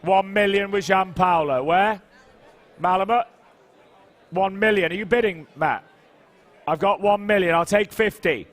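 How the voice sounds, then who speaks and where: A man's voice: high voice, unhurried, long pauses, fairly bright tone. A man working as an auctioneer, calling and repeating bids and coaxing bidders in a live sale.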